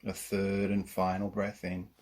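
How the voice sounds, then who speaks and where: With a low-pitched voice, a man acting as a yoga nidra teacher talks listeners through relaxation. He keeps things soothing and calm, pausing at length between directions.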